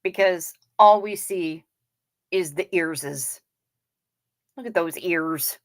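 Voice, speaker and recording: Hosting a casual livestream, a woman in her fifties reads chat comments aloud in a lowish voice at a slow pace. She's chatty and wry, swearing casually. The recording is dry and studio quality.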